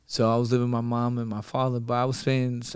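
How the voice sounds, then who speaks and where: A man's voice: medium pitch, fast talker, clear, resonant tone. A man, telling stories as a podcast guest and acting out the voices of people in them. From Brooklyn, New York. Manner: animated, acts out his father's voice. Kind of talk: casual storytelling.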